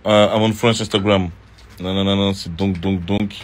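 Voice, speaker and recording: A reality TV contestant, a man, chatting casually on social media and answering viewer questions in a relaxed, slangy way. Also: deep voice, moderate pace. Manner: relaxed and slangy, with many fillers.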